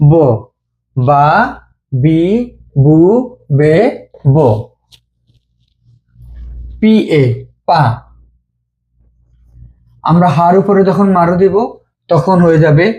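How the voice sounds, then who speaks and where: Patient man with a mellow voice. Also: high voice, steady tone, lo-fi sound. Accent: Bengali. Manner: slow, patient, repeating each sound. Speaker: language teacher. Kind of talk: step-by-step script lesson.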